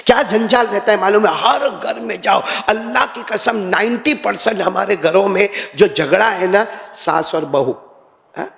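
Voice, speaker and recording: A man's voice: sits high, creaky, a bit bright, big-room sound. An older man preaching a sermon, telling stories and speaking straight to a seated audience. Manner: storytelling preacher, addresses crowd directly.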